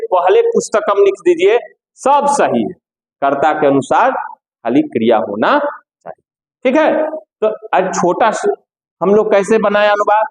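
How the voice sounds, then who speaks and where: A man teaching a classroom lesson, slow and patient, repeating each step for his students. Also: high voice, poor audio.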